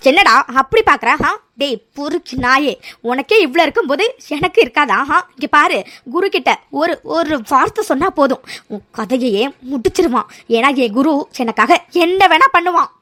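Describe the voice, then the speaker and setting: A woman voicing a fierce young woman student in a cartoon serial, scolding in a shrill, indignant way. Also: animated, moderate pace, bright, forceful tone. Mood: contemptuous.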